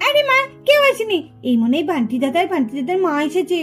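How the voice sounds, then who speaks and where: A woman's voice: very high voice, sing-song, fast talker, faint music behind. A woman voicing a mischievous little girl in a doll puppet show, coaxing and acting innocent.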